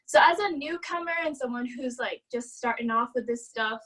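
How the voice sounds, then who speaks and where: A woman's voice: fairly high pitch, normal speed, a bit bright, rough recording. A breathless woman speaking with bubbly enthusiasm on a video call. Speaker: newcomer guest. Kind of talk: casual Zoom talk.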